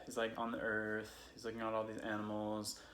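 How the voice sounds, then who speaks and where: A man's voice: fairly low pitch, monotone, fairly quick, a bit bright, natural voice. A man putting on a casual, tipsy Californian friend who rambles through comedic stories in a slangy, filler-heavy way. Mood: loose, animated. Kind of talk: comedic storytelling. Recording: roomy echo, faint background noise.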